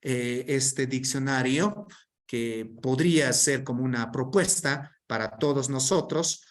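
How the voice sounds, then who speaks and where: A man's voice: mid-range voice, slow. A man presenting an online workshop, reading through a term list in an explanatory way and often checking in with tag questions.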